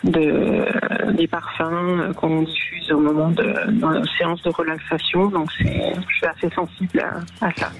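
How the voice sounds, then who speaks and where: A woman's voice: low voice, steady tone, unhurried, creaky, few pauses. A middle-aged woman calling in to a radio show, speaking hesitantly with many fillers over a phone line. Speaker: caller. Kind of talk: radio call-in.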